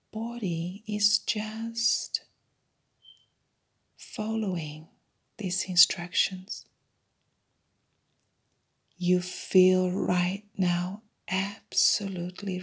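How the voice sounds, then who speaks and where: A woman guiding a hypnosis meditation in a soft unvoiced whisper, repeating soothing suggestions. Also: on the low side, vocal fry, slightly rough. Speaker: meditation guide.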